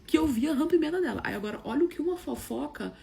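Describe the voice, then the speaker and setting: A woman telling a funny personal story, quoting people with lively shifts of voice. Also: high-pitched, fast, vocal fry, slight background noise. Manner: lively, dramatic quoting of others. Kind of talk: casual spoken anecdote.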